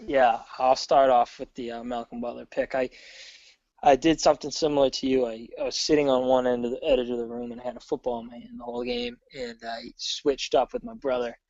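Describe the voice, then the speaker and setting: A man chatting casually as a guest, an excitable fan who rambles and restarts often, heard over a dull remote call. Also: mid-range voice, fairly quick, gravelly, no echo. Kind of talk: casual sports chat.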